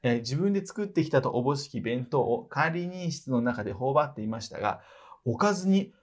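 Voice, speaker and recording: A man's voice: mid-range voice, animated, fairly quick. A man co-hosts a casual podcast. He reads a listener's letter in an easy, playful voice and breaks off to tease and laugh. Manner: teasing, playful, laughs readily. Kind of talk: casual chat, reading a letter aloud.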